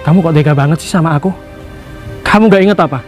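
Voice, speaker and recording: A man's voice: on the high side, fast talker, faint music behind, close to an everyday voice. A man playing a hurt, pleading husband. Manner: reproachful, pleading. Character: wronged husband feigning blindness, pleading and indignant. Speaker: husband back from working abroad. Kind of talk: amateur skit acting.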